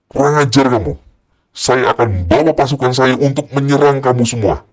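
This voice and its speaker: A husky, growling male jinn spirit full of threats, as a storyteller puts him on. The voice drops well below the narrator's usual register and has a rough, breathy edge. It sounds hostile and commanding. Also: medium pitch, normal speed, voice pushed down, natural voice. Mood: furious. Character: angry threatening male jinn possessing a man.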